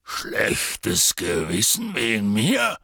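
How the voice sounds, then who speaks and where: A grumpy giant of an audiobook, deep and gravelly, as a man puts him on. He drawls each word very slowly with a husky edge, swinging widely up and down in pitch. Bright and dry. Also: wildly swooping pitch, no room sound, exaggerated voice.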